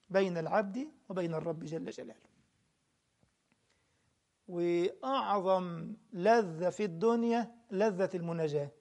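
A man's voice: high-pitched, vocal fry, darkish tone. A man with an Egyptian Arabic accent giving a religious lesson and answering questions from a live stream. He speaks earnestly, addresses his listeners directly and repeats his points. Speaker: religious teacher.

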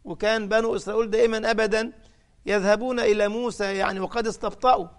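A man's voice: high voice, little pitch movement, rapid-fire. A man with an Egyptian Arabic accent preaching a sermon, telling the story dramatically and putting sudden force on key phrases. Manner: dramatic storytelling, raising the voice for quoted cries.

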